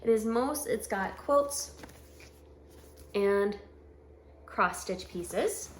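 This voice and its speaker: A woman in her forties chatting casually to camera about her stitching, rambling with frequent ums and throat clearing. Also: medium pitch, lively intonation, very slow, a little hiss or hum. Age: 40s. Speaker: stitching vlogger.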